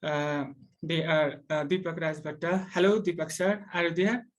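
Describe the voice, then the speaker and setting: A man from Nepal who mentors teachers, introducing presenters on a video call with frequent pauses. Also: a little high, rough recording. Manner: halting, frequent uhs. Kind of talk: online conference introduction.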